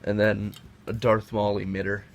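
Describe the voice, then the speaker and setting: Creaky, fairly low, and barely moving in pitch, this man's voice runs at a normal speed. He's a young toy reviewer, sick and sniffling, who rambles chattily and corrects himself while handling toys at an indoor table for a casual hands-on comparison. The noisy home recording comes from a camera mic off-screen above the table.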